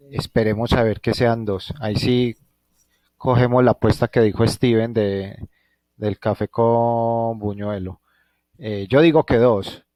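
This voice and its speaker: Speaking in a mid-range, darkish voice with no echo, this Colombian man lectures live to an online physics class from his home. He reasons aloud and keeps checking on his students, and his accent is Colombian Spanish.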